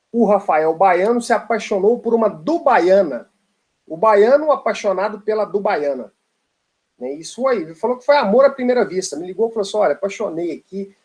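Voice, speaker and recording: A man's voice: sits high, a little mellow. A man delivers an informal law lecture. He tells a playful story with frequent tag questions and asides.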